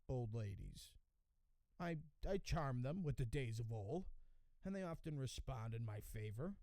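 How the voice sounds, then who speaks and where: A man's voice: medium pitch, vocal fry, dark tone, no room sound. A man hosting a podcast, telling a comic story in a wry, exasperated and profane way. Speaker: podcast host. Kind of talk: comedic storytelling monologue.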